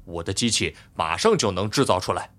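An actor playing a proud, touchy male robot inventor in an audiobook, boastful and quick to take offense. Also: low-pitched, animated, a bit bright. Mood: indignant. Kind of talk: audiobook character voice.

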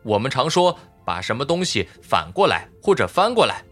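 A smug male robot constructor in an audiobook, voiced by a man. He lectures with a needling edge in a bright, lively voice pitched a little high, with faint music behind. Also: moderate pace. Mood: scoffing. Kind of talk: audiobook character voice.

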